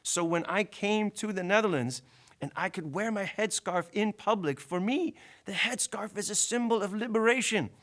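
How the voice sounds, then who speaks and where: A man voicing a polite immigrant woman from Turkey, speaking halting, broken English in a soft, earnest way. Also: high-pitched.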